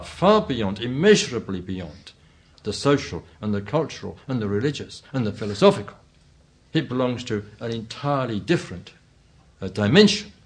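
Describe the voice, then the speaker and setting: A man delivers a religious lecture in the manner of a learned professor. His pitch is average and his phrasing is formal and deliberate. He qualifies his points carefully and punctuates them with small questioning hums. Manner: measured, donnish professorial phrasing with formal "one" and frequent qualifications. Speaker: Buddhist teacher giving a talk. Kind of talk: lecture, expository religious talk.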